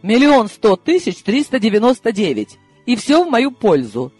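A teasing, commanding old grandmother from an audiobook, read by a man, her lines pitched high and swinging widely in tone. She sounds sharp and sarcastic, used to getting her own way. Soft music plays faintly underneath. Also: wildly swooping pitch, normal speed, husky, full character voice. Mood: bossy, teasing. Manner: bossy, teasing. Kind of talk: audiobook reading.

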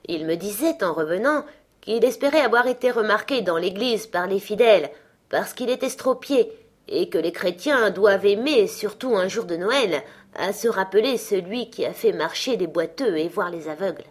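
A woman's voice: medium pitch, lively intonation, normal speed, natural voice. A woman reading a storybook voices a poor, loving father, earnest and emotional. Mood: tender. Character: poor, loving father Bob, cheerful then saddened.

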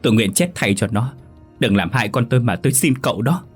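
A man's voice: medium pitch, lively intonation, fast talker, slightly rough, soft background music. A man voicing a terrified village mother near sixty, pleading and sobbing in a raised, strained voice.

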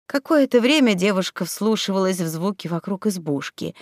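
Woman narrator, fairy tale audiobook, expressive, playful, lively pitch, dry close recording. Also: normal speed, no echo.

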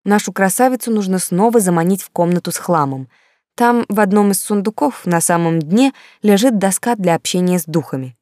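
Woman doing an eager excited ghost marquise. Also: mid-range voice, brisk, no echo, studio quality, pitched above the performer's own voice, lightly acted. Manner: eager, exclamatory.

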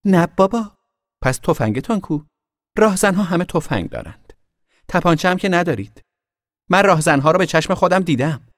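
A man's voice: high voice, animated, dry recording, clean studio sound, pitched above the performer's own voice. Man putting on a haughty teasing noble girl. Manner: mocking, imperious.

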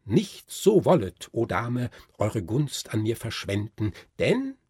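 A man voicing a brave little wooden nutcracker prince who shouts commanding battle cries. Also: mid-range voice, sing-song, slow pace, husky, no echo, clean studio sound, exaggerated voice. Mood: solemn.

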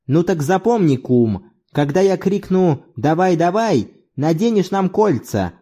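A man's voice: high-pitched, lively intonation, measured pace, voice pushed up. A man reading an audiobook, voicing an exuberant, playful middle-aged man who half-chants like a church singer. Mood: chanting. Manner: loud, theatrical, mock-chanting like church singing. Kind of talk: audiobook character voice.

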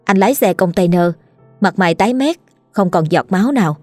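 A woman narrating a scripted ghost story in a steady, measured way. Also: medium pitch, dry recording, faint music behind.

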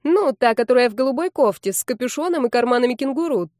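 A woman's voice: high-pitched, animated, fast, darkish tone, no room sound, clean studio sound, pitched above the performer's own voice. A woman voicing a young female student eagerly pointing someone out.

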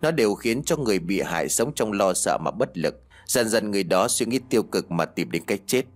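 A man narrating a ghost story voices a calm older village sorcerer who speaks in a slow, solemn, lecturing way. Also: on the low side. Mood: grave.

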